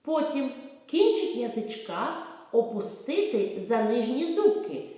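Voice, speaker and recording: A woman with a Ukrainian accent leads a preschool speech lesson, drawing out every sound at a slow, careful pace. Her fairly high voice swoops up and down in a lively way. She is recorded from away from the mic in a very echoey room with a long reverb tail. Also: far from the mic. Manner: slow, clearly articulated, repeats sounds for children to echo. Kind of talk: video lesson for young children.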